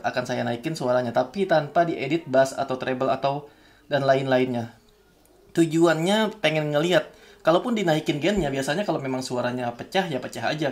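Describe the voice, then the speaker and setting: A man with an Indonesian accent, talking casually to camera outdoors while he tests a camera-top microphone aloud. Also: mid-range voice. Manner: chatty, testing mic aloud. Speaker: tech reviewer. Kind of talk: casual vlog demo. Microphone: camera-top microphone, turned front and back.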